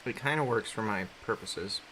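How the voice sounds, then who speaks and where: A man's voice: on the low side, normal speed, bright, forceful tone, a little hiss or hum, low-quality recording. A man casually chatting on a livestream while drawing, reading chat aloud, rambling and laughing often. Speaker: artist streaming while drawing.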